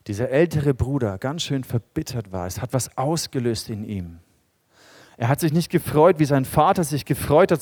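A man preaching a sermon, retelling a parable with animated storytelling and acting out the quoted characters, sometimes dropping to a quiet, low voice for emphasis. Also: no echo, clean studio sound. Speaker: pastor.

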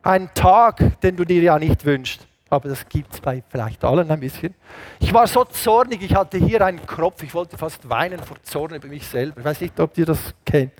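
Male preacher, middle-aged, storytelling sermon, husky, higher voice, animated. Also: moderate pace, no echo. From Switzerland. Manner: animated, switches between shouting and hushed quoted voices. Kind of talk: lively sermon with anecdotes.

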